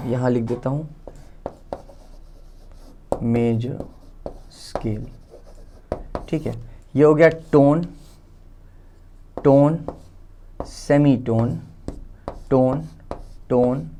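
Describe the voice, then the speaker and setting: A man's voice: fairly high pitch, dark tone. A man with an Indian accent teaching a casual music theory lesson, thinking aloud, counting out steps one by one and correcting himself as he writes. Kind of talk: casual explanatory lesson while writing.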